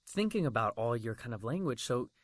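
A man's voice: medium pitch, sing-song, a little fast, a little hiss or hum. Laid-back male podcast host. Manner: laid-back, uses slang, affirming. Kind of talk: casual interview chat.

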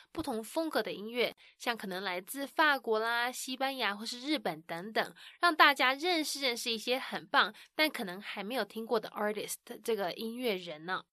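A woman's voice: fairly high pitch, pushed and bright, no room sound, clean studio sound. A woman narrating a recap on a radio show in an upbeat, chatty way, ending sentences with particles.

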